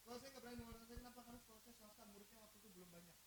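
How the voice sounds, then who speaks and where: A young man giving a motivational talk, telling a story in an animated, jokey way and often putting questions to his audience. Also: very high voice, racing, heavy background noise. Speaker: motivational speaker.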